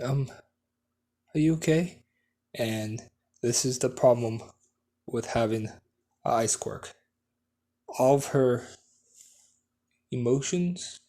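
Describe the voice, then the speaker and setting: Slow, hesitant man telling a story. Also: mid-range voice, darkish tone. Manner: hesitant, many fillers and restarts. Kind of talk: improvised fan story narration.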